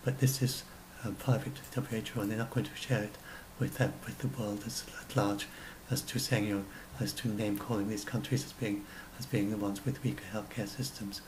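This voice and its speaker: Brisk, barely pausing, and on the low side, this man's voice holds a fairly even intonation against background noise. He is a science blogger in his sixties going through his notes alone in a small room at home, rambling and self-correcting into his desk webcam.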